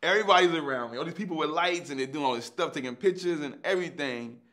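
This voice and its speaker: A middle-aged man, an actor telling his own story in a lively way. He acts out the dialogue in street slang and swings between hushed and loud delivery. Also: on the high side, fast. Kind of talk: animated anecdotal storytelling.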